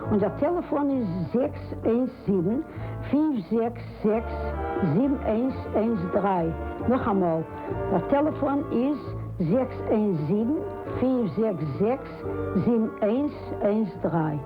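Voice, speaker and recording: A woman with a slightly high voice reads a radio ad slowly and carefully. The sound is thin and phone-like, with clear music underneath. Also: expressive. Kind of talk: radio advertisement.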